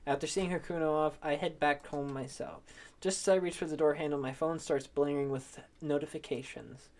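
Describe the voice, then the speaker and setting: A woman reading a visual novel aloud as the narrator, with expressive, playful asides between the lines. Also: sits low, normal speed. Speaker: let's play host. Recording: music playing behind.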